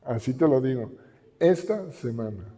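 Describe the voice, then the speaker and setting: A man's voice: medium pitch, lively intonation, normal speed, mellow. A middle-aged man with a Mexican Spanish accent, preaching a sermon with emphatic repetition and rhetorical questions. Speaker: pastor. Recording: reverberant hall.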